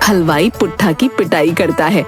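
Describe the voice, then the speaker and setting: A woman narrating a cartoon story in a calm, plain storytelling way. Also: fairly low pitch, moderate pace. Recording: background music under voice.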